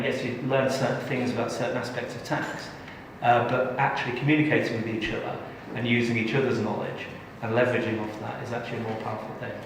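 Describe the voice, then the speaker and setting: Speaking from a large training room, a middle-aged man from England leads a live tax training, joking around and chatting with his audience. He has a mid-range voice, and the echoey hall recording, made from far off, carries background noise.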